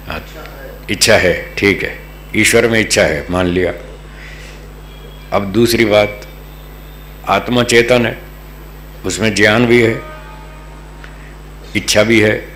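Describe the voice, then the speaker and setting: A low-voiced man from North India gives a scripture lesson at a very unhurried pace, pausing to check that his listeners follow. He explains patiently and plainly. The recording sits in an echoey room with a faint hum underneath. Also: fairly even intonation, fairly bright tone. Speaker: religious teacher.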